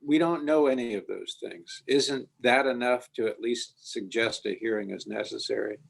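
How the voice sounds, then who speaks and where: A man's voice: medium pitch, moderate pace, vocal fry, low-quality recording. A man questioning counsel from the appellate bench, pointed and probing. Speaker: appellate judge. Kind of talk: appellate oral argument.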